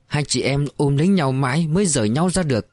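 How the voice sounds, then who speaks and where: A man narrating an audiobook in a steady, measured storytelling voice. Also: on the high side, no echo.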